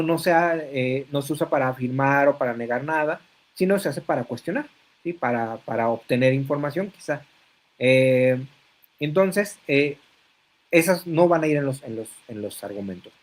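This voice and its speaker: A man teaching an online class, explaining step by step, often checking that students follow and pausing on hesitant fillers. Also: mid-range voice, expressive, poor audio. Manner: hesitant fillers between phrases.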